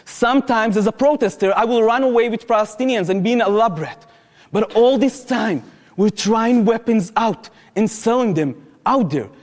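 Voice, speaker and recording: A man's voice: high voice, normal speed. Impassioned Israeli man lecturing in a hall. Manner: impassioned storytelling, urgent warnings. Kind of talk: public lecture. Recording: echoey hall with long reverb.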